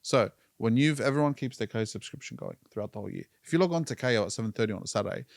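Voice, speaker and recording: A young man hosting a podcast, chatting quickly and casually. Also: medium pitch, expressive, creaky, no echo, studio quality. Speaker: podcast host.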